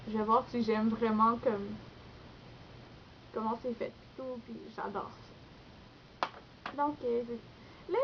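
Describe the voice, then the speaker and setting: Young Québécois woman, high voice, chatty haul vlogger, muffled home recording. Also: a little hiss or hum. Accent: Québécois French. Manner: chatty, rambling, many fillers and self-corrections. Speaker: beauty vlogger. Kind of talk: casual nail polish haul vlog.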